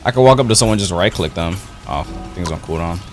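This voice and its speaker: Brief: young male game streamer, lowish voice with big pitch swings, slangy, profane commentary over loud game music. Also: lively intonation, fast. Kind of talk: casual live gameplay commentary. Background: video game music and effects.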